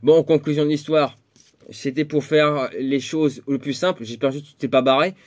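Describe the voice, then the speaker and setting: A man's voice: fairly high pitch, fairly even intonation, moderate pace, a little mellow. A man giving rambling, slangy how-to tips straight to the viewer. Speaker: video host. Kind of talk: casual how-to chat to camera.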